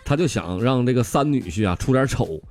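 A male comedian with a Northeastern Mandarin accent tells jokes in a slangy, animated way, stammering through quick restarts. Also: medium pitch, dry recording. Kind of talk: stand-up joke telling.

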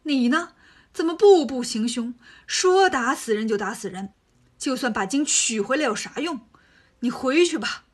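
A woman voicing a timid, pious male monk who lectures softly, sometimes half whispering. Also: sits high, expressive, normal speed, slightly rough. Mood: gently lecturing.

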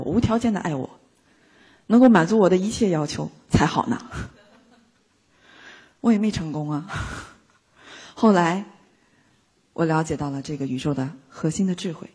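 A woman giving a lively, playful motivational talk to a live audience, acting out little everyday scenes. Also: fairly low pitch, normal speed, pauses often, husky. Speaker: speaker teaching a live audience.

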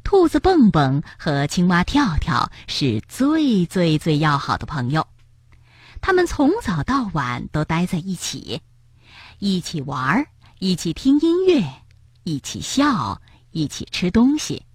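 Breathy, gently expressive woman storyteller. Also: low-pitched, a little slow, no echo, clean studio sound. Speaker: children's storyteller. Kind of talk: children's picture-book reading.

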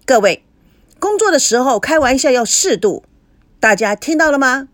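A woman voicing a bossy, sharp-tongued young woman who leads the group and scolds them. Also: high-pitched, very animated, moderate pace, dry recording. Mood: bossy scolding. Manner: scolding, commanding.

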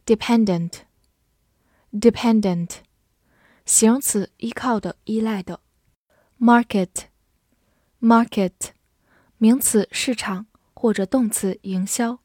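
A young woman teaching vocabulary in a recorded lesson, saying each English word twice clearly, then giving brisk explanations. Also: on the high side, a little mellow, no room sound, clean studio sound.

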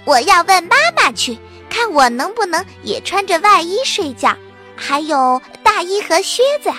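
A woman voicing a cheeky, bossy little girl who teases in a shrill singsong. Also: lively intonation, moderate pace, bright, forceful tone, soft background music, exaggerated voice. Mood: teasing.

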